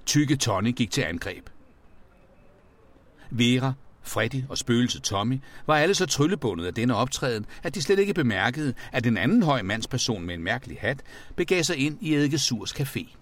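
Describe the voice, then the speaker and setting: A man reading a children's storybook aloud in a playful, expressive way. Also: mid-range voice. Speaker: narrator.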